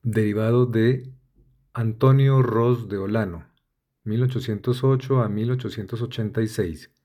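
Man, deep-ish voice, very slow and deliberate, spells out letters, reads definitions one by one. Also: steady tone, warm tone. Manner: spells out letters and lists synonyms methodically. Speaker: vocabulary reader. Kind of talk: slow, deliberate dictionary reading.

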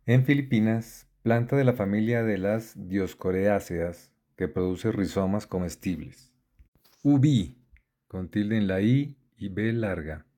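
A man reading a list of words with their definitions, slowly and methodically spelling out letters and accent marks. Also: fairly low pitch, dark tone. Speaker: word list reader. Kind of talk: slow dictionary-style reading.

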